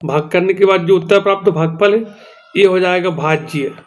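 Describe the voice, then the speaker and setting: A man's voice: sits high, moderate pace. A male teacher with a Chhattisgarhi-tinged Hindi accent, explaining a maths lesson step by step and often checking in with his students. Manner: explains step by step, repeats "theek hai doston".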